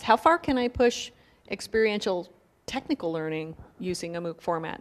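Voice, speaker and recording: A woman speaking earnestly as a faculty panelist, thinking aloud. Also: on the low side. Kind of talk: panel discussion.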